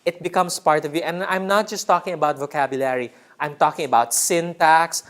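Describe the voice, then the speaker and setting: A man's voice: on the high side, brisk, a bit bright. A man training a writing workshop in a room, teacherly, repeating key words and checking in with the group. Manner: teacherly, checks in with "right?" often.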